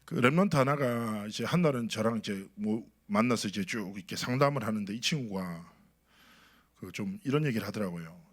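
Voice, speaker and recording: A man's voice: fairly low pitch, animated, fairly quick. A man, an associate pastor, preaching a sermon with rhetorical questions and personal anecdotes.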